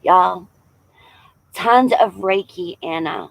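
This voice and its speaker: A woman in her forties, a tarot reader hosting a casual livestream, chatting warmly with viewers and calling them y'all. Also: lowish voice, slow pace, gravelly, poor audio. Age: 40s.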